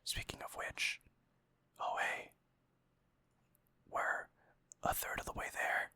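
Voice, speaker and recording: Slow and pushed, with a bright edge, a young man's breathy whisper comes through close to the mic without any room sound. He's an ASMR gaming creator rambling casually over gameplay, sometimes swearing and poking fun at himself.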